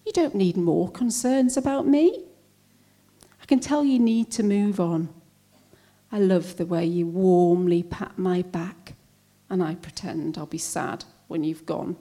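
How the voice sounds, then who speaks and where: A woman's voice: fairly low pitch, a little slow, warm tone. A woman performing a spoken-word poem with a wry, pointed delivery. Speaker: poet.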